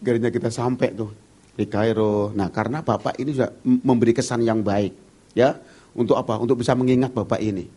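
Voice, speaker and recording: A male pastor preaching at a church service, telling humorous stories and acting out the dialogue in a lively way. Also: mid-range voice, brisk, slightly rough. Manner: lively storyteller who acts out dialogue. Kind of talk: humorous sermon storytelling.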